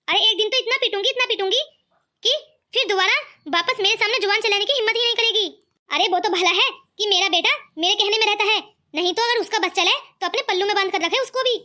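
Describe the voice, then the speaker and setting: This is a greedy mother-in-law in a cartoon who scolds her daughter-in-law, with a woman doing the voice. The voice sits very high and sounds bright and forceful. She talks in a sharp-tongued, nagging way. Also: fast talker. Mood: scolding. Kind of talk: cartoon voice acting.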